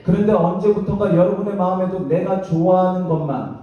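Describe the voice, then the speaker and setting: A man's voice: high voice, fairly even intonation, brisk, highs cut off. A man pastor preaching a sermon to a youth group, with emphatic call-and-response repetition. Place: church youth worship hall. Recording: echoey church hall mic from a distance.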